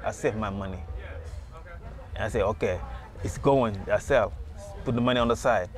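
A low-ish male voice at a normal pace belongs to a Senegalese market booth owner. Standing at his beach market stall outdoors, he tells his story for a casual street interview, meandering, repeating words, and filling gaps with "you know".

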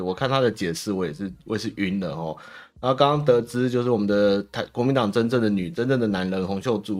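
A young man with a Taiwanese Mandarin accent hosting a viewer-mail show, giving casual political commentary in a rambling, sarcastic way with frequent filler sounds. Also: on the low side. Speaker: host answering viewer mail.

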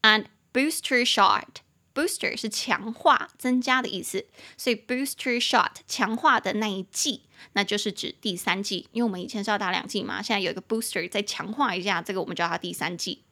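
A woman's voice: mid-range voice, normal speed, sharp tone. A young adult woman hosting a podcast English lesson, explaining vocabulary in Mandarin and spelling English words letter by letter. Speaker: English teacher and podcast host.

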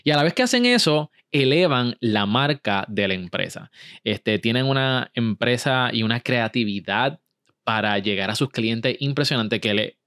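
A man's voice: medium pitch, animated, normal speed, a bit bright, clear, resonant tone, no room sound. An upbeat man hosts a podcast interview, slipping English words into his talk. The sound is close and dry, with almost no room. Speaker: podcast host.

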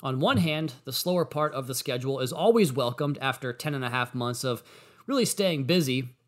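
A man's voice: medium pitch, lively intonation, a little fast. An American man hosting a sports podcast, talking in a monologue.

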